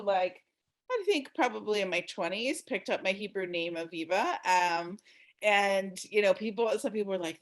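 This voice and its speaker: Woman from Texas, panelist, hesitant, frequent fillers, mid pitch. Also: a bit bright. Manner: hesitant, many pauses and fillers. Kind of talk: casual panel discussion.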